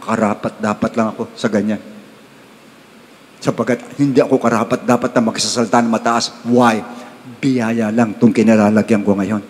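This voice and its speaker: A man with a Filipino accent preaching a sermon as pastor, swinging from calm talk to sudden high outbursts and slow stressed readings. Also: a little hiss or hum. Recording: long reverb of a large hall.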